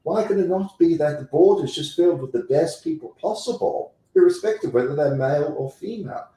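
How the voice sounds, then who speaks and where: An animated South African company president, interviewed as a guest, talks briskly in a fairly high, warm voice, driving points home emphatically and repeating phrases. The low-quality recording was made in an echoey room.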